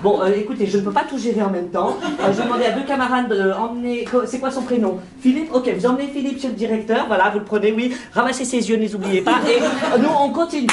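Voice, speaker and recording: A man's voice: very high-pitched, quick pace, few pauses, a crowd in the background. A man improvising as a nervous young female schoolteacher on her first day, stammering and full of hesitations, on a roomy stage before a live audience. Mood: flustered. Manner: flustered, stammering, many hesitations.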